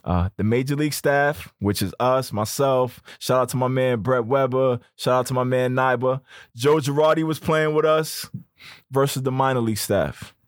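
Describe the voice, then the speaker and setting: A young man hosting a podcast, telling a story in a casual, slangy, animated way. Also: medium pitch, moderate pace, no echo, clean studio sound. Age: young adult. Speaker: podcast host.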